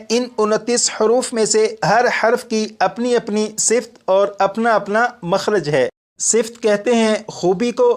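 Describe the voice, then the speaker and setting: A man teaching Quran recitation as a classroom lesson, patiently repeating each point and sounding out letters slowly. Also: high-pitched.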